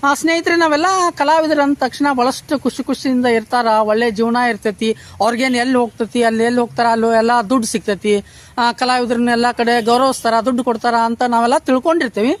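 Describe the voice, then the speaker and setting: A male interviewer, introducing a guest and asking steady questions in a casual interview. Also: very high voice, fast talker. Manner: steady, prompts with short hums.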